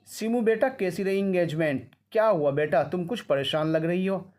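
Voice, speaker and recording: A man voicing a fretful soft-hearted mother. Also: high-pitched, moderate pace, pitched above the performer's own voice, lightly acted. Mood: worried. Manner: anxious, pleading, apologetic. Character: fussing worried middle-aged mother, soft-hearted.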